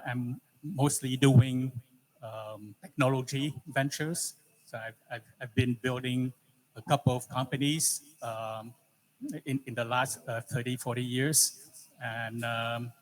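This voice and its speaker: A Vietnamese man in his seventies, an alumnus and technology entrepreneur, gives an audience an informal introduction and some advice in a Vietnamese accent. His medium-pitched speech is halting, broken by frequent pauses and "you know." The recording comes from a noisy live event room.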